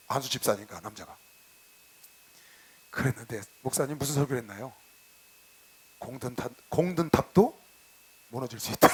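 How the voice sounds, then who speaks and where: A middle-aged male pastor preaching a sermon, moving between loud bursts and hushed asides. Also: medium pitch, slightly rough. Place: convention hall.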